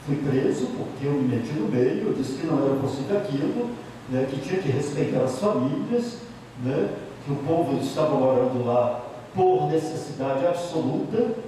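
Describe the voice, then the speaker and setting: This middle-aged man from Bahia, Brazil, a priest giving a talk, shares his life story with a group in an office meeting room, using a handheld mic and emphatically repeating key phrases. His medium-pitched voice is warm and expressive at a normal speed, recorded by a distant camera in an echoey room with slight background noise.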